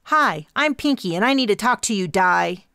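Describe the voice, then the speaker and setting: A woman's voice: animated, sharp tone, clear, resonant tone, no room sound, studio quality. Woman doing a pushy, indignant young activist. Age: 20s. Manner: insistent, accusatory, rapid-fire pitch.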